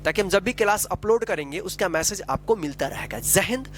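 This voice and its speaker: A man's voice: high voice, expressive, brisk, soft background music. A man teaching English spelling and pronunciation, reading sentences word by word, spelling out letters and often checking in with his students. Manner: coaxing, often asks "ठीक है ना".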